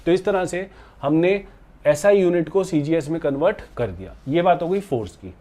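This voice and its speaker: A man's voice: a little high, expressive, normal speed, dark tone. A man giving a physics lesson at a board, explaining step by step, often asking his students questions and calling them fondly by pet words, with mixed into his speech. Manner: calls students "beta" and "bachche" fondly; mixes English terms into his speech. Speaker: physics teacher. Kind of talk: classroom lecture at a board.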